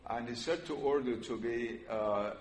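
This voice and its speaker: An older man from Iran, Persian being his first language, delivers a public religious lecture to an audience in a hall. His voice is medium-pitched, his delivery measured and earnest, broken by frequent "uh" pauses, and the recording has a roomy feel with faint noise.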